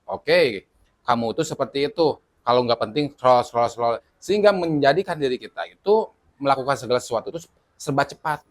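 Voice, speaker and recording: Male host, casual chat, lively and questioning, middle pitch. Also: fairly quick. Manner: lively, asks questions and builds on answers. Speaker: podcast host.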